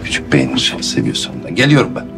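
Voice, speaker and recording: A man's voice: rumbling low, wildly swooping pitch, a little fast, vocal fry, over music, exaggerated voice. An actor playing a doting, teasing husband and father with a playful way of talking. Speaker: husband and teacher. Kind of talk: TV drama acting.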